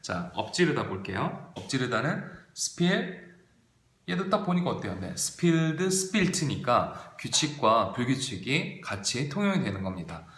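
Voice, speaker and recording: A man's voice: medium pitch, very animated, slow, fairly bright tone. A male English teacher giving an online video lesson, reading verb forms aloud in drills and asking and answering his own questions. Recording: roomy echo.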